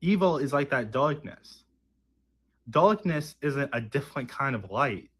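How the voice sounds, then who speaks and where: Male explainer, medium pitch, informal and didactic, talking directly to the listener. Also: expressive, a little slow, a bit bright, slightly rough. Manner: didactic, conversational. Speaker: video speaker explaining religious belief.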